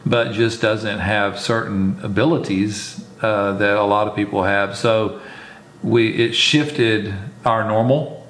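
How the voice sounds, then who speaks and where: A man co-hosting a casual chat, talking in a relaxed, rambling way with many fillers and restarts. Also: lowish voice, slow pace. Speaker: podcast co-host, former missionary. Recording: roomy echo, faint ambience.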